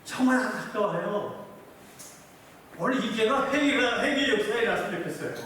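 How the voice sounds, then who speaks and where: A high-pitched male pastor preaches a sermon to his congregation, throwing questions back at them again and again. His voice carries from a distance through a very echoey church hall with a long reverb tail. A faint hum of noise sits underneath. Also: lively intonation, moderate pace, sharp tone. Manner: asks the congregation repeated yes-or-no questions. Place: church sanctuary.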